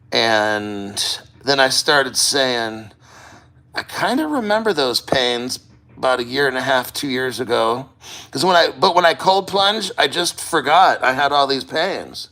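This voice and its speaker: Bright-voiced man rambling casually. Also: mid-range voice, vocal fry. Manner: rambling, plain-spoken, profane. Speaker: vlogger. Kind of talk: casual first-person vlog talk. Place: sitting in a cold plunge.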